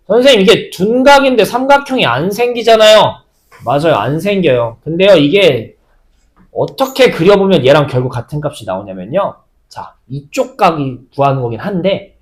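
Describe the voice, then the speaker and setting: A man teaching a high school math lesson, often asking the class questions and then answering them himself.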